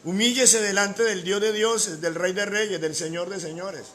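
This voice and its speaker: A man's voice: high-pitched, fairly even intonation, unhurried, a bit bright, faint music behind. A man preaching a sermon as pastor, emphatic, with rhetorical questions and repeated key words.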